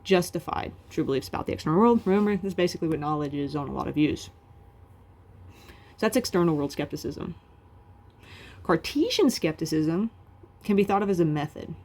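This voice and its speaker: A woman with a low voice and a warm, soft tone explains philosophy in a video lecture. She talks casually and loosely, filling the pauses with "um" and "like". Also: expressive. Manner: casual and chatty, many fillers like "um" and "like".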